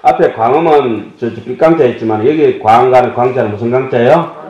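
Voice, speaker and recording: A man's voice: mid-range voice, brisk, a little mellow. A man giving a Buddhist dharma lecture, explaining terms and asking his listeners questions with folksy humor. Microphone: table microphone. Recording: dull echoey hall audio.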